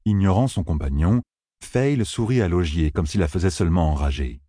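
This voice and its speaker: A man narrating a fantasy audiobook in a measured, even storytelling manner. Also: sits low, husky, no room sound, clean studio sound.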